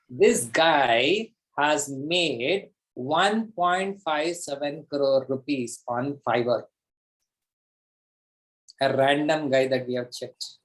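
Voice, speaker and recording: A man with an Indian accent and a mid-range voice coaches a live online class, switching between English and Hindi as he teaches interactively. He is pushy and emphatic, repeating phrases for effect, and the audio is poor.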